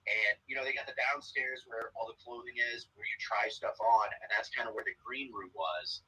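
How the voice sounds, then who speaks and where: A man talking casually over a phone on speakerphone, picked up by a laptop mic, telling stories in a loose, rambling way with a husky voice. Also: mid-range voice, fairly quick, pushed and bright, rough recording. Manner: loose, rambling storytelling with fillers. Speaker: comedian guest. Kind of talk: casual interview chat.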